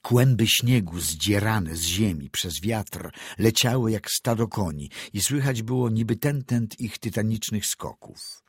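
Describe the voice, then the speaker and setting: A man narrating classic prose as an audiobook reader, measured and descriptive. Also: on the low side, husky, no room sound, clean studio sound.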